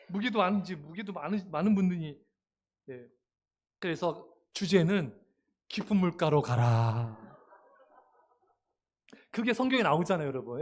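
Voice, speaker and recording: High-pitched man preaching emphatically. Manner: emphatic, often calls out to the congregation; humorous anecdotal storytelling. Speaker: pastor. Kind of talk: sermon. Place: church sanctuary.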